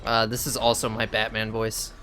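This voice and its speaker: A man's voice: fairly low pitch, completely flat delivery, normal speed, background noise. A young man streaming a game speedrun, giving casual, self-deprecating, joking commentary.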